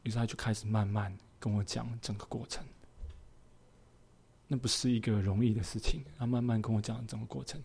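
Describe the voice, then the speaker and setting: A man preaching a sermon as a pastor, telling a personal story in an earnest, expressive way. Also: fairly low pitch, fairly quick, vocal fry, breathy edge.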